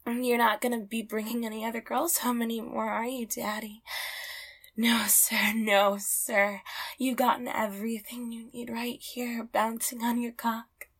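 Woman, high voice, whispery and husky, slow and drawn-out, gravelly edges. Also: flat delivery. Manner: soft, breathy, close whispering with soft laughs. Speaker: audio roleplay performer. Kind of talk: intimate whispered roleplay.

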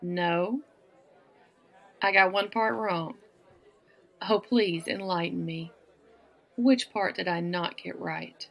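The recording is rough. A woman from the American South, laughing often, flirts teasingly with a bar stranger in one-sided roleplay, her lowish voice unhurried and full of vocal fry, fairly bright, with frequent pauses.

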